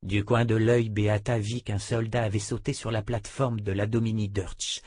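A man reading a dramatic novel aloud as narrator, with a steady narration. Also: on the low side, moderate pace, no echo, clean studio sound. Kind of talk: scripted audiobook narration.

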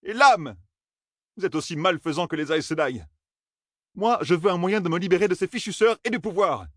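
A fiery young man, as a male reader puts him on in a storybook, shouting and cursing, his voice pushed high and strained. The tone is husky and dry, with no room around it. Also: lively intonation, normal speed, dry recording. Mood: angry demanding. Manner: shouting, exasperated. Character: brash young man, angry, cursing and demanding.

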